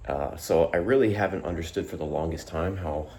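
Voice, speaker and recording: A man's voice: low-pitched, a little fast, mellow, slight background noise. A man giving a casual, rambling opinion monologue to the camera, full of fillers and restarts, a bit out of breath after exercise. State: out of breath after push-ups. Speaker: vlogger.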